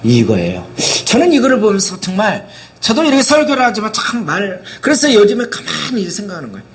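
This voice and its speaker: A man delivers a sermon, throwing rhetorical questions at his congregation and acting out scripture scenes. His voice sits high for a man, and his pitch leaps up and down with animated expression. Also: brisk. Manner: acts out biblical characters' words dramatically. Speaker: pastor.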